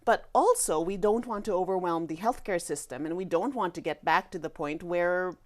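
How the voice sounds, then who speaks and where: A woman's voice: fairly low pitch, moderate pace. A woman speaking as a guest physician in a conversational interview, telling things emphatically and voicing what people said.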